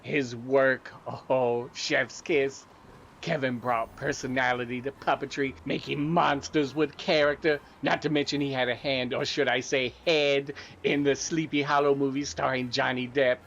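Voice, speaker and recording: A man's voice: medium pitch, little pitch movement, a little slow, gravelly, fairly bright tone, lo-fi sound, slight background noise. A man playing a theatrical, gleefully macabre horror show host, relishing punning, alliterative scripted narration. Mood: campy, admiring.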